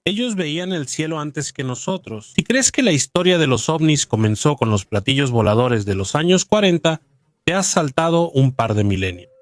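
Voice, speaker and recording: A man giving scripted documentary narration in a measured, even storytelling delivery, recorded close as a voice-over. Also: a little high, no room sound.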